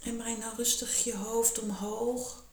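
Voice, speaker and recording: Slow, soft-spoken woman guiding meditation. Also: on the high side. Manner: slow, calm and soothing, often half-whispered. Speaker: yoga and meditation teacher. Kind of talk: guided meditation and yoga instruction. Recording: echoey room.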